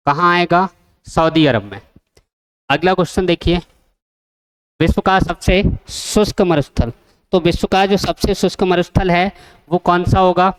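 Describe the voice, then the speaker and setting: A man's voice: sits high, a bit bright, smooth. A man teaching an exam-prep geography lesson, asking the class questions and repeating the answers. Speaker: coaching teacher.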